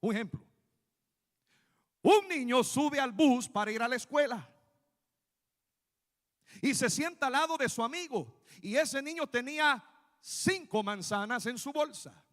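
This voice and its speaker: High-voiced preaching man in a reverberant church. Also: measured pace, long pauses. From Guatemala. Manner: animated preaching, addresses listeners as brother. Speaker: pastor. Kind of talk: sermon. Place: church sanctuary.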